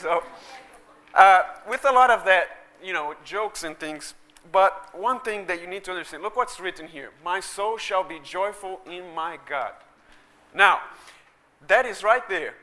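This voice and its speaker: This preacher, a native Portuguese speaker, keeps a measured pace in his high, bright voice. Joking and animated, he leads the congregation in chants during a lively call-and-response sermon, speaking into a handheld mic.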